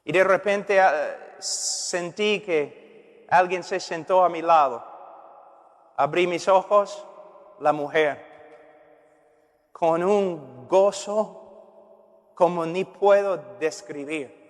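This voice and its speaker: A man's voice: high voice, very slow, pauses often. A middle-aged male preacher delivering an earnest, emphatic sermon, heard in a reverberant hall.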